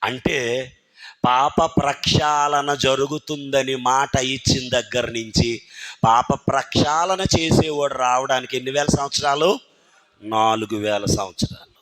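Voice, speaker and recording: A man's voice: medium pitch, unhurried, fairly bright tone. A man preaching a sermon in a church, firing rhetorical questions at the congregation and urging them to think carefully. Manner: keeps firing rhetorical questions at the congregation and calling on listeners by name. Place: church hall.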